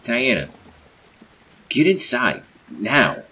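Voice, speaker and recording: A man voicing an angry, frantic husband who shouts sternly. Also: mid-range voice, wildly swooping pitch, extremely slow, husky, voice pushed up, heavily acted.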